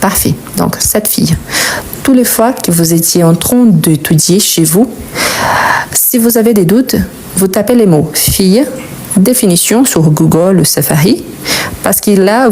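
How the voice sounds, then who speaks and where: A woman's voice: on the low side, mellow. Patient woman teaching grammar live. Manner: patient, explanatory, repeats key words. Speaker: French teacher. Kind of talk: live-streamed grammar lesson.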